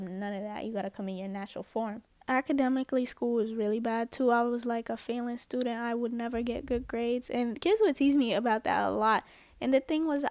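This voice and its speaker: A woman's voice: on the high side, a little mellow. Slangy, chatty young woman vlogger. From Japan. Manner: slangy, chatty, upbeat with asides. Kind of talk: casual get-ready-with-me story time.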